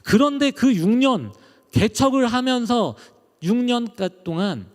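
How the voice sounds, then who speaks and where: A man's voice: a little high, darkish tone, in a large hall. A middle-aged male pastor giving an emotional testimony sermon, his delivery rising and falling.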